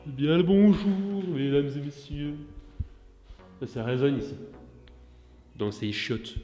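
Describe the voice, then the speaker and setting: A man's voice: fairly high pitch, lively intonation, slow pace, warm tone, faint music behind. A man exploring an abandoned building, joking with loose swearing, his voice echoing off the bare walls of an empty room. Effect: echoing voice in a resonant empty room. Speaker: urban explorer filming an abandoned sanatorium. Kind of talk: casual vlog commentary while exploring.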